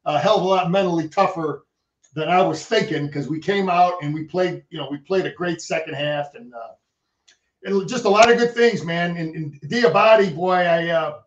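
An older man talks sports over a video call from his home study, halting and repeating himself. He sits far from a dull webcam mic, and the room echoes around his fairly high voice. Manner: halting, repeats words, chuckles. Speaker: co-host, sports fan. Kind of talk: casual sports chat. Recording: roomy, distant, dull webcam audio.

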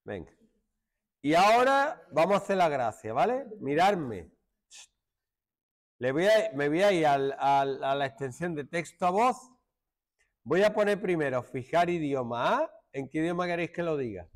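Animated Andalusian man teaching a class, fairly high voice, jokes and shushes his students. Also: normal speed. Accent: Andalusian Spanish. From Málaga, Spain. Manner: joking, hushes students. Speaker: secondary school teacher. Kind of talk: classroom lesson.

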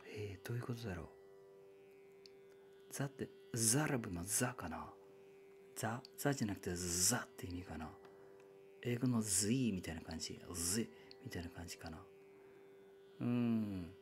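A man's voice: lowish voice, lively intonation, moderate pace, pauses often, music in the background. A man talking casually on his own as a musician recruiting singers, chatty and often correcting himself. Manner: chatty, self-correcting, sings short chant lines to demonstrate. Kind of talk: casual solo talk.

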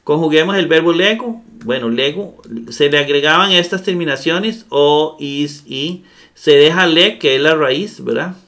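A man's voice: on the high side, measured pace, fairly bright tone. A man giving a recorded grammar lesson, explaining patiently step by step and often checking in with his students. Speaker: Greek grammar teacher.

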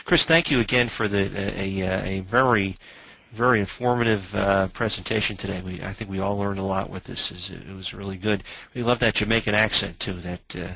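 A man's voice: deep voice, steady tone, a little fast, vocal fry, pushed and bright, slightly rough, no room sound, low-quality recording. A man hosting a webinar question session, friendly, often stumbling and repeating words. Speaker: webinar host.

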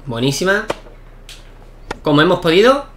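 A young man giving excitable live commentary while playing a tennis video game, shouting at key points. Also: high voice, normal speed, slight background noise. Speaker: gaming YouTuber.

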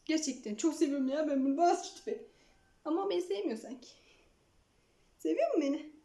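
A young woman chats casually to the camera from her home, her voice high and bright. She slips into doting baby talk with her cats, and the room around her sounds echoey. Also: expressive, a little fast. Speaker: vlogger showing her cats. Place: at home, indoors.

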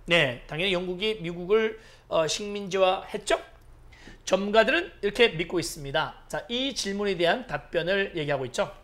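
A man lecturing on an English exam passage, explaining grammar and quizzing with short questions, and reading English lines slowly. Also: high voice, animated, a bit bright. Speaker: English teacher.

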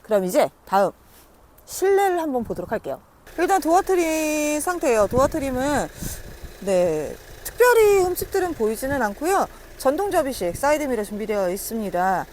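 High-pitched, lively woman giving a sales pitch. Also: normal speed, slight background noise. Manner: chatty, persuasive, repeatedly addressing customers. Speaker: used-car dealer presenting a car. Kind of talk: casual sales walkaround to camera. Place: on location outside and inside a car.

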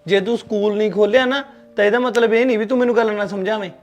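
A man's voice: sits high, fairly even intonation, very fast, soft background music, lightly acted. An actor playing an exasperated, teasing husband arguing with his wife in a short film. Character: exasperated joking young husband.

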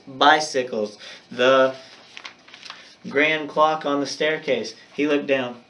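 Male teacher narrating a chapter book for young kids, mid-pitched, dramatic delivery, distant mic. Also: muffled recording. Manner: expressive, dramatic storytelling. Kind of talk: reading a chapter book aloud.

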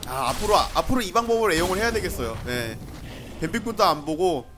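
A man commentating live on an online game match. His voice sits high and moves around a lot, with an excitable delivery. Game music plays behind him. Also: brisk. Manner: excitable, shouting at big plays.

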